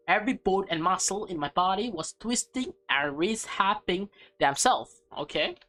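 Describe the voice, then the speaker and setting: A woman hosts a let's play, reading a visual novel aloud with expression and slipping in casual, offhand remarks. Her voice is mid-range, and the audio quality is poor.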